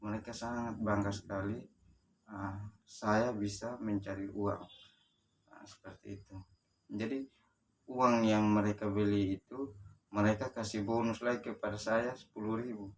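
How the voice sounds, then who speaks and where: A man from Sumba with a low voice recounts his life story in a halting way. He pauses often and restarts his sentences. His voice sounds distant, picked up from some way off the mic. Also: flat delivery, a little hiss or hum. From Sumba, eastern Indonesia. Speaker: motivational speaker. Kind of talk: personal life story told to camera.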